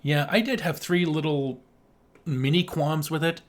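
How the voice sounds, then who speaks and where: A podcast co-host with a slightly high male voice talks through a movie review at a measured pace and in a steady tone. His loose, conversational chat picks the film apart sarcastically.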